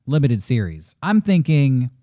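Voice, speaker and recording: A man in his late thirties co-hosting a podcast, talking openly and thoughtfully about his plans in loose, casual chat. His voice is mellow and dark in tone, recorded close and dry with no room sound. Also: mid-range voice, sing-song, unhurried, no echo. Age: 30s. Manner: candid, reflective, swears casually. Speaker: podcast co-host.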